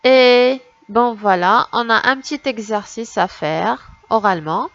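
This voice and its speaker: A woman teaching a reading lesson to young children, slow and patient, sounding out words and syllables one by one. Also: a little high, a bit bright, highs cut off. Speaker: primary school teacher.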